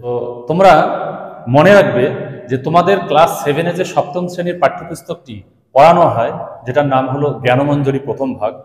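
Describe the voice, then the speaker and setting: A man teaching students, explaining patiently and repeating sounds slowly. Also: fairly high pitch. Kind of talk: classroom lesson to students. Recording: echoey room with long reverb.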